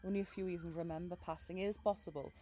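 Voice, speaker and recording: A woman with a Welsh accent voicing a mysterious, protective fae guide in an intimate audio role-play, with lyrical, gently commanding phrasing. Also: lowish voice, fairly even intonation, rapid-fire, lightly acted. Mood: solemn, cautionary. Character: mysterious female fae guide, protective, wry, ancient storyteller.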